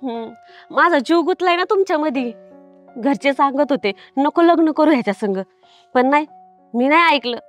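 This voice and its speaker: A woman playing a shrill, nagging wife. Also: lively intonation, moderate pace, faint music behind. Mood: accusing. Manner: reproachful, nagging questions. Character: hurt, accusing village wife in her prime. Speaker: suspicious wife. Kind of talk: comedy film acting.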